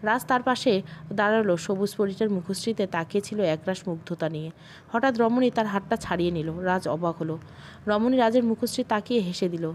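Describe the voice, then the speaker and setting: A woman reads a romantic audio story aloud as its narrator. Her delivery is steady and even, at an ordinary middle pitch. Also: a little fast, slight background noise.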